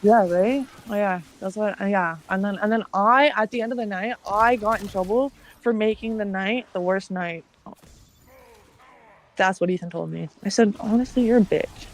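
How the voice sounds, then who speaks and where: A woman's voice: medium pitch, moderate pace, a little hiss or hum. A woman streamer telling a long story in casual chat. She acts out the other people's lines and swears often.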